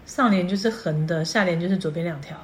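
A woman's voice: fairly low pitch, fast. A woman, answering in short replies and asking questions in a casual chat. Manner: brief replies, short agreeing interjections. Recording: echoey room with faint background noise.

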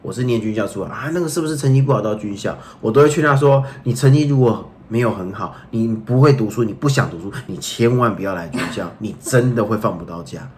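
A man with a Taiwanese Mandarin accent co-hosting a podcast, telling stories in an animated, playful way with bursts of bragging. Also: lowish voice, quick pace, few pauses, slight background noise. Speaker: podcast co-host. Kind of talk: casual chat.

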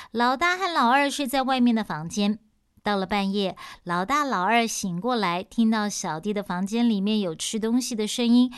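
A woman telling a folktale in a lively, playful way, adding chatty asides where she wonders aloud. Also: mid-range voice. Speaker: storyteller.

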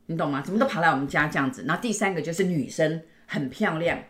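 A middle-aged woman tells a story in a relaxed podcast chat. Her voice sits fairly low for a woman. She recounts events animatedly, slipping into the voices of the people in her tale. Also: quick pace. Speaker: podcast host.

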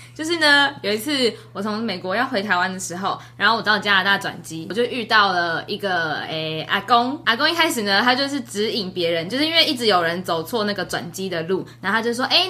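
Bright-voiced young woman telling stories. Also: fairly high pitch. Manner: animated, laughs often, acts out quoted dialogue. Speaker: podcast co-host. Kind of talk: casual storytelling chat.

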